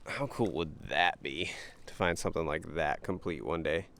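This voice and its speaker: An American man in his thirties giving casual, excitable and playful commentary to a handheld camera as he hunts for treasure outdoors. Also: extremely low pitch, moderate pace, creaky. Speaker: treasure-hunting vlogger. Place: outdoors along a wooded creek. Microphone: camera held at arm's length.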